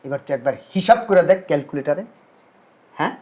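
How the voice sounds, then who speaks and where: A man's voice: fairly high pitch, lively intonation, quick pace, a little mellow, dull audio, natural voice. A man with a Bangladeshi Bengali accent playing a furious brother back from twenty years abroad, scolding with angry rhetorical questions. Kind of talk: amateur short drama acting.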